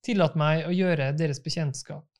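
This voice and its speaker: An aging prince with a dry, faintly mocking courtesy, read by a man. His tone is slightly high and unhurried, the way a father teases in a storybook. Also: darkish tone, lightly acted.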